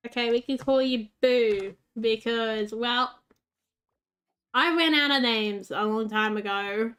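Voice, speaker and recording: A woman talks her way through a game in a loose, chatty way. Her voice sits fairly high, and she often speaks fondly to the pets on screen. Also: takes it slowly, fairly bright tone, smooth. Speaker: gaming channel host. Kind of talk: casual gameplay commentary.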